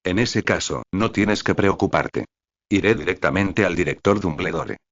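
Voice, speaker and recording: A man's voice: low voice, normal speed, a bit bright. A man reading the lines of a nervous, stout older professor, defensive and irritable. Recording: dull lo-fi audio.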